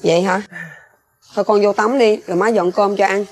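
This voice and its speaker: A woman's voice: medium pitch, steady tone, brisk, lightly acted. A woman playing a worried middle-aged rural mother with a Southern Vietnamese accent, speaking anxiously and pleadingly in a TV reenactment drama. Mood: soothing. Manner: pleading, anxious, soft-spoken.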